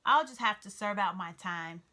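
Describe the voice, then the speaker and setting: Gentle honest little cricket from a storybook, sounds resigned, lady reading him, bright clear tone. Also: medium pitch, moderate pace, lightly acted. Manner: resigned, mild, sighing. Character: gentle, honest, glum young male cricket. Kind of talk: storybook read-aloud character voice.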